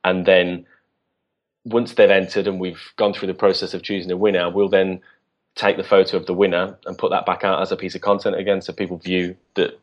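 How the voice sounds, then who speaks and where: Male podcast guest, very low voice, halting chatty delivery, muffled lo-fi sound. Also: little pitch movement. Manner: halting, many restarts and fillers. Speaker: guest, business co-founder. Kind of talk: casual podcast interview.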